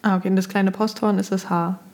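A woman's voice: medium pitch, flat delivery, fast talker, a little mellow. A woman co-hosting a podcast in casual chat, chiming in briefly and easily amused.

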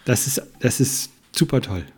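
A man's voice: mid-range voice, moderate pace, darkish tone, breathy edge. A man, a podcast guest, explaining things at length in casual chat, with many restarts and fillers.

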